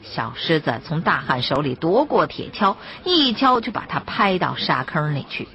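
A woman's voice: low voice, very animated, moderate pace, bright, forceful tone. A woman reading a novel aloud as an audiobook, in a dramatic storytelling manner. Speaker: audiobook reader. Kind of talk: expressive novel narration. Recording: dull lo-fi audio.

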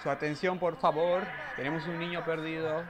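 His pitch sits fairly high but barely moves, and he talks at an ordinary speed. This Argentine host, speaking Rioplatense Spanish, reacts to a TV episode by reading its subtitles aloud with effusive exclamations and giggles, over show audio layered with crowd noise.

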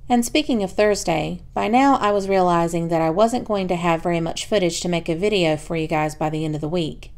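A woman vlogger giving a reflective voiceover about her week, soft, confiding and unhurried. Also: lowish voice. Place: home, recorded as a voiceover.

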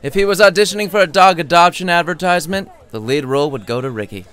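In a high, fairly bright voice that's clear and resonant, a man rapidly reads a comic story he wrote himself. It's chatty, theatrical storytelling, irreverent, sardonic and foul-mouthed, spoken straight to the listener.

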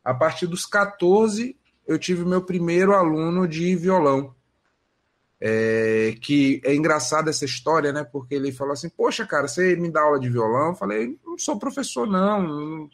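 A man, answering as a podcast guest in a relaxed storytelling way, full of fillers and tag questions. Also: a little high, moderate pace. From Salvador, Bahia, Brazil. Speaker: guest, musician and music educator. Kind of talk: casual podcast interview answer.

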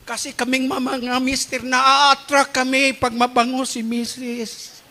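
A male pastor with a Filipino accent preaching a humorous, animated sermon and mixing in English phrases. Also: extremely high pitch, takes it slowly, a little hiss or hum. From Philippines.

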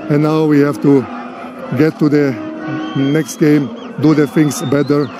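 Halting football coach, stadium crowd behind. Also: male voice, a little high, little pitch movement. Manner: halting, restarts often, explains tactics. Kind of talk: post-match interview. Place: outdoors at a stadium, in front of a sponsor board. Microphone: handheld interviewer mic. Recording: outdoor stadium with loud music and crowd. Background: music and crowd noise.

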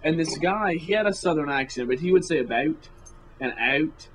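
A man's voice: on the high side, fast talker, a little hiss or hum, rough recording. A teenage boy from Tennessee, chatting casually on a podcast, joking and teasing with stammering restarts. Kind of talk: casual chat.

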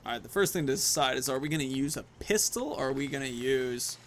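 A man in his thirties, a video game streamer and host, gives casual, off-the-cuff commentary as he plays. He talks fast in an animated, medium-pitched voice.

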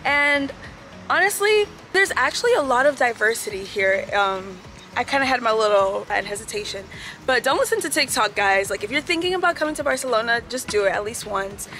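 A woman's voice: on the high side, expressive, brisk, bright, forceful tone, faint music behind. A woman vlogging her travels in a chatty, upbeat way, talking to her viewers on a phone camera outdoors. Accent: Haitian-American. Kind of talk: casual travel vlog.

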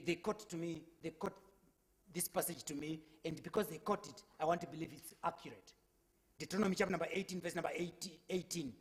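Earnestly quoting long stretches of scripture, a high-pitched young adult man preaches in a public debate, repeating words whenever he restarts. He speaks from a lectern microphone in a lecture hall, in front of a brick wall.

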